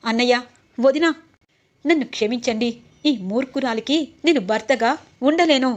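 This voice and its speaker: A woman's voice: sits high, moderate pace, close to an everyday voice. A woman reading the lines of an angry, defiant young man who has been drinking.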